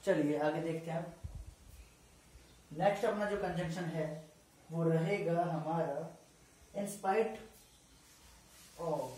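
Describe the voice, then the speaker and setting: A man teaching grammar, talking slowly and deliberately, dictating example sentences word by word and often checking that the class follows. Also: fairly high pitch, warm tone. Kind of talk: explaining grammar in a lesson. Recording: echoey room, far from the mic, faint ambient noise.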